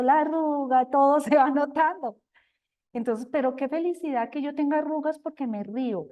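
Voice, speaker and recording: An older woman with a Colombian accent, sharing her experience expressively at a recovery group talk, sometimes speaking loudly. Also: fairly high pitch. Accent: Colombian Spanish. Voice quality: talks loudly at times. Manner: expressive, addresses listeners as companions.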